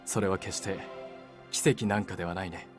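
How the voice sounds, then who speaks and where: A mysterious male god of fate from a story game, voiced by an actor. He talks quickly, calm and lightly teasing, as if he knows more than he says. Soft music plays beneath him. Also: low voice, lightly acted. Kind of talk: Japanese game voice acting.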